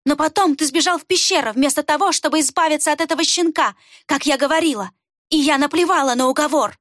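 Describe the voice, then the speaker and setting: Woman voicing a spiteful fox murderess, high and hissing. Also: lively intonation, extremely slow, dry recording, studio quality, full character voice. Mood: venomous fury. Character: venomous cunning female fox killer.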